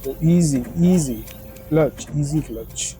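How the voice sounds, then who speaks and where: A young man from India giving casual gameplay commentary, excitable, repeating words in quick bursts and mixing English gaming slang into his talk. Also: a little high, over music. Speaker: gaming streamer.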